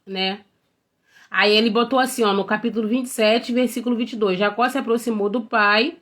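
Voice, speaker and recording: A woman leads an informal Bible study for a women's group. Her voice sits on the higher side, and she talks in a loose, conversational way, checking in with tag questions and correcting herself mid-sentence. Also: fairly even intonation, brisk, a bit bright. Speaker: women's ministry Bible teacher.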